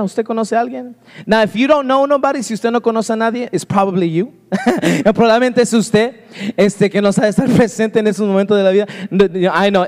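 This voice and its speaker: A man pastor preaching a sermon in a church, lively and joking with the congregation. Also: sits high, long reverb tail. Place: church sanctuary.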